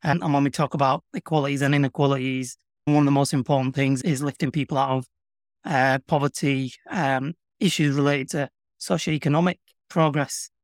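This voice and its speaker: A middle-aged man with a broad Yorkshire accent, speaking in a measured, earnest way as an interview guest. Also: mid-range voice, fairly even intonation, no room sound, clean studio sound. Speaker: interview guest, public sector communications professional. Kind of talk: reflective conversational interview.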